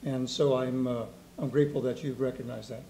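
Mellow-voiced man making a deliberate point. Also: medium pitch, fairly even intonation, gravelly, a little hiss or hum, low-quality recording. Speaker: board member. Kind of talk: comment at a public meeting. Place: large public meeting hall. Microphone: desk microphone.

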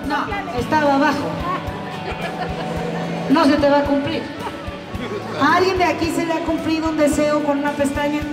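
A woman with a Mexican accent performing a high-energy stand-up comedy routine as host, teasing the audience. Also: little pitch movement, a little fast, reverberant, long reverb tail, distant mic, over music, crowd noise. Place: live comedy venue with an audience.

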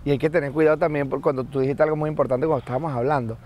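Male host, slangy and chatty, fairly high voice. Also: steady tone, rapid-fire, lo-fi sound. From Venezuela. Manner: chatty, uses slang, brief reactions. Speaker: interview host. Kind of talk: casual interview.

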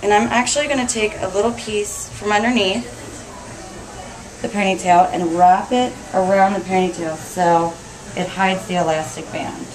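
A woman's voice: mid-range voice, fairly even intonation, moderate pace, poor audio. A young woman hair stylist casually explaining a hairstyle step by step while doing her own hair in a salon. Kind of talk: hairstyling tutorial.

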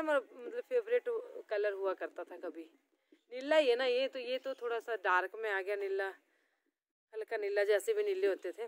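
A young woman with a Himachali Pahari accent, chatting casually and rambling to her viewers in a homely vlog. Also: medium pitch. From Himachal Pradesh, India. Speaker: vlogger.

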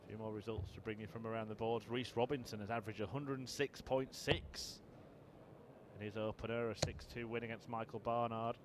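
A man giving measured, understated and informative sports commentary on a darts match. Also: lowish voice, level tone, background noise.

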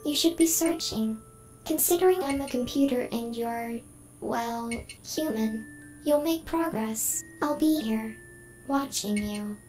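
In game character dialogue over game music, a slightly high, slow, synthetic-sounding woman's voice plays a lonely AI stuck inside a computer. She comes across as polite and earnest yet strangely emotional, with an anxious mood.

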